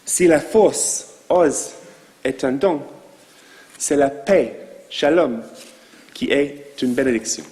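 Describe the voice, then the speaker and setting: Slow-spoken rabbi, non-native French accent. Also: male voice, mid-range voice, a little mellow, in a large hall. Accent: foreign accent in French. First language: not French. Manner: slow, measured delivery with asides to the audience. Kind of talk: sermon to a congregation. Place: synagogue.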